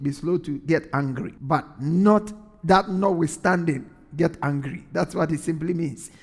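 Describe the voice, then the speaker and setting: A man's voice: a little high, big-room sound. A man preaching a sermon in an earnest way, repeating phrases for emphasis.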